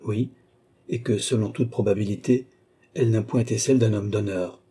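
A man's voice: fairly low pitch, fairly even intonation, normal speed, dark tone, husky. A man voicing a hot-headed young nobleman who speaks in indignant, clipped bursts.

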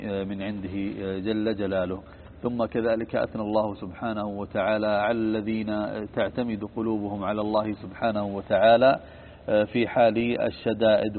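A man teaching a religious lesson, explaining in a measured way with frequent drawn-out fillers. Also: on the low side. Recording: tinny phone-like audio with faint noise.

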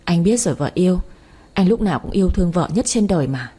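A woman voicing a smooth-talking, lazy young husband who flatters his wife, speaking in a coaxing way. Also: fairly low pitch, fast. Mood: wheedling. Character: middle-aged man, smooth-talking lazy son-in-law.

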